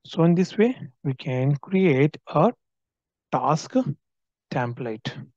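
Slow, dark-voiced male software trainer. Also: on the high side, expressive, no echo, muffled recording. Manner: explanatory, frequent tag "right?". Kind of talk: screen-recorded software tutorial.

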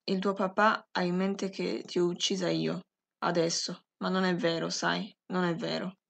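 A bereaved young mother in an audiobook, speaking low, even and strangely detached, as a woman reads her. A gravelly rasp sits under the quiet words. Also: moderate pace. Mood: numbed calm.

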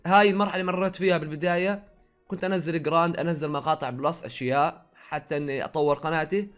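A man's voice: on the high side, fairly bright tone. A young man with a Jordanian accent mixed with some Saudi words, chatting in a casual Q&A vlog from his own room, reading out viewers' questions and answering them. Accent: Jordanian Arabic with some Saudi words. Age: young adult. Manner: rapid, chatty, reads viewer questions aloud then answers. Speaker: YouTuber.

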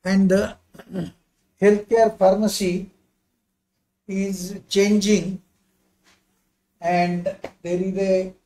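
High-pitched older man lecturing, non-native English. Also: flat delivery, extremely slow, long pauses, mellow, rough recording. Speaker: visiting pharmacy professor and associate dean. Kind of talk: lecture with slides. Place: indoors, on a video call.

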